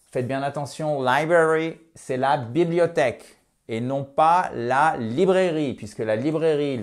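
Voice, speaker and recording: Guy teaching english online, explains step by step, slows right down on the english words. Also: a little high. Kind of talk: online language lesson.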